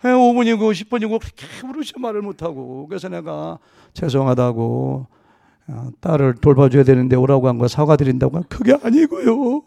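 Gravelly-voiced pastor telling stories. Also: male voice, fairly high pitch, a little fast, mellow, no echo. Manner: anecdotal and humorous, acting out dialogue in a wide-ranging voice. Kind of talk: sermon with storytelling.

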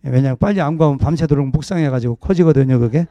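A man's voice: a little high, racing, dark tone, no room sound, lo-fi sound. A middle-aged male pastor preaching a sermon, conversational and jokey in tone.

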